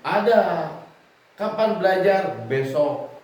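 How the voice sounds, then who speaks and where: A man teaching children to read Quranic script, speaking, slow and questioning as he drills the class. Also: high-pitched, animated, a little mellow. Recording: echoey room, mic far off, faint noise.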